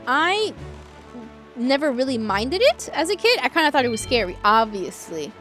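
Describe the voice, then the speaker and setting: Female game streamer, high and very animated, chatty and playful, touch of vocal fry, music behind. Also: normal speed. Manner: playful, chatty, reacting to viewers. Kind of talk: casual livestream chat over gameplay.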